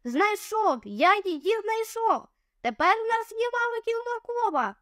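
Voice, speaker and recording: A woman's voice: a little high, sing-song, fairly quick, no room sound, clean studio sound. A woman voicing an eager young boy hero in a storybook reading, exclaiming his lines. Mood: overjoyed.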